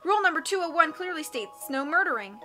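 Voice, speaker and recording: An angry townsman wags his finger and shouts accusations, as a woman puts him on. The voice is loud and bright in a storybook reading. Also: very high-pitched, expressive, fast talker, faint music behind, voice pushed up, full character voice.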